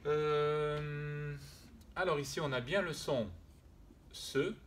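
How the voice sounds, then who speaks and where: A man's voice: on the high side, steady tone, takes it slowly, a bit bright, a little hiss or hum. A man teaching French spelling and pronunciation, patiently repeating words and sounds, with hesitations and self-corrections.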